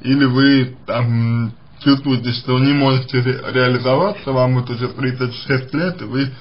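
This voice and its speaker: A man answering a listener's question as a psychologist, speaking slowly and haltingly with many hesitations and restarts. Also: mid-range voice, steady tone, highs cut off. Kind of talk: recorded advice monologue.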